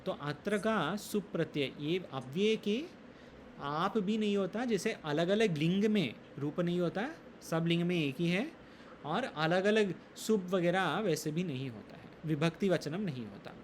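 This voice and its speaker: A man teaching a Sanskrit grammar lesson, explaining rules slowly, reciting sutras and quizzing his students. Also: high-pitched, animated, a little hiss or hum. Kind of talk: classroom lesson in Hindi.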